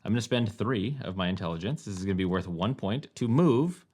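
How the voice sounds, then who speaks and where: A man's voice: on the low side, fairly quick. A man co-hosting a board game playthrough, casually talking through each move he makes. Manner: relaxed, explains his moves step by step.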